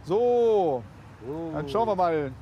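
A police officer checking a van, asking brisk, matter-of-fact questions outdoors by a vehicle. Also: male voice, high-pitched, expressive, dull audio. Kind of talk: checking a van at a roadside control. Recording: outdoor field recording with crowd noise.

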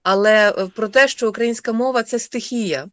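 A woman, the author of a text, talking thoughtfully on a radio show with many pauses and fillers. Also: a little high, a bit bright, no room sound. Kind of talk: radio studio discussion.

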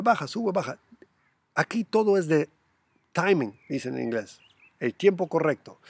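Gravelly, husky man hosting a crypto vlog. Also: dry recording. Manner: animated, mimics panicked buyers in high squeals. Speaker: crypto channel host. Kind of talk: casual direct-to-camera talk.

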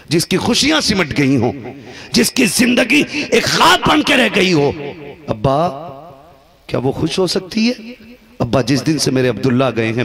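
A man preaching a sermon who acts out the story voices, dropping to hushed lows and rising to shouted peaks. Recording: live crowd behind the voice. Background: crowd responding.

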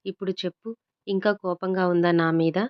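A woman's voice: lowish voice, level tone, brisk, clear, resonant tone, lo-fi sound, natural voice. Woman voicing a playful, pleading young husband. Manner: pleading and teasing.

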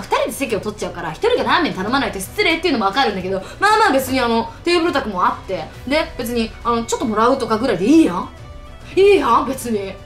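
Woman, 20s, vlog storytelling, animated comic rant, fast delivery, faint background music. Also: high-pitched. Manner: animated, ranting, comic retelling. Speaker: video creator.

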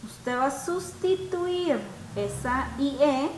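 Woman teacher, high voice, slow and patient, switches languages, echoey room, faint noise. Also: animated. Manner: slow, patient, mixes Spanish and English. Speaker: English teacher. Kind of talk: online class, explaining grammar.

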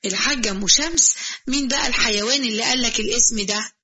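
A woman voicing a sharp-tongued, jealous older Egyptian mother with a shrill, scolding manner, in Egyptian Arabic. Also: fast talker, a crowd in the background, lightly acted.

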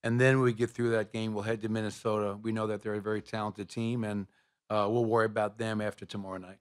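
A middle-aged basketball head coach answers reporters after the game, speaking into a table mic in a press room set against a sponsor backdrop. His lowish, smooth voice has a flat delivery, and his measured replies carry frequent fillers.

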